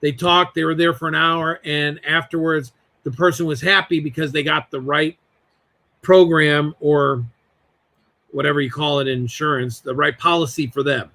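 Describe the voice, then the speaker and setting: A man in his forties telling family stories as a podcast guest, animated and doing voices as he goes, over a video call. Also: fairly high pitch, normal speed, gravelly. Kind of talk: casual storytelling.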